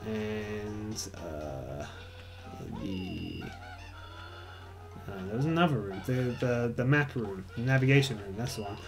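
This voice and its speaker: A young Australian let's play host commentates casually over gameplay, rambling, swearing a lot and mocking himself. He has an Australian accent and a lowish voice, speaking slowly over music.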